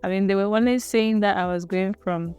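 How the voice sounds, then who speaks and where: A woman's voice: medium pitch, brisk, darkish tone, clear, resonant tone, faint music behind. A young woman from Cameroon telling her own college story in a casual, earnest, reflective way, often musing and correcting herself. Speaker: vlogger.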